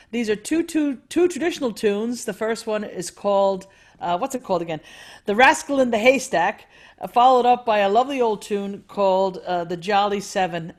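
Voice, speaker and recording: A woman speaking casually as the leader introducing a band. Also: mid-range voice.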